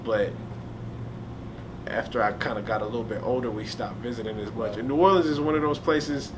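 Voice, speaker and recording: A young man chatting in a loose, slangy way, telling stories about his family. His voice sits mid-range. There is a clear layer of noise behind him. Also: medium pitch, brisk. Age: young adult. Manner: laid-back, animated when telling stories, slangy. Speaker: hip hop artist, interview guest. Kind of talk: casual storytelling. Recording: noisy ambience.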